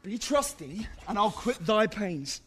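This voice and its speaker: A man playing an eager young man in love in a Shakespeare play, giving hurried instructions. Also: high voice, sing-song, fairly bright tone, full character voice. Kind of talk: Shakespeare stage acting.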